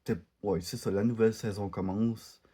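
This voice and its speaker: A gaming video creator from Quebec, Canada, with a Québécois French accent talks casually over his gameplay, hesitating and filling his speech with fillers and restarts. His voice is on the low side, mellow with a breathy edge, steady in tone and at normal speed.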